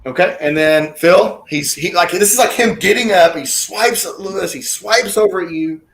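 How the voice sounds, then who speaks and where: A man's voice: sits high, moderate pace, vocal fry, a bit bright, slight background noise. A man running a tabletop game as dungeon master, talking casually and swearing freely.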